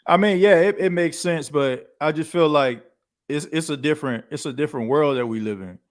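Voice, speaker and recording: A man's voice: a little high, brisk. A man in his thirties hosting a podcast, chatting casually and rambling, with frequent restarts and the filler "you know what I'm saying". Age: 30s. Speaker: podcast host. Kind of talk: casual chat.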